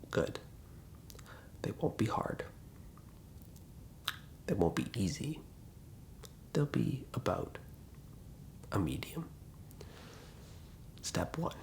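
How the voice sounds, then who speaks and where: A man hosts guided relaxation in a soft, breathy ASMR whisper. His delivery is very unhurried and creaky, with gentle instructions and long pauses. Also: lowish voice. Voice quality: hushed, breathy. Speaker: ASMR host.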